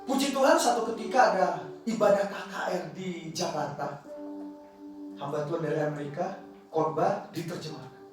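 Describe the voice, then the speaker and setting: A man's voice: a little high, normal speed, over music. A male pastor telling a story in a sermon, emphatic and repetitive, with his voice carried across a church hall. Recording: echoey church hall, distant mic.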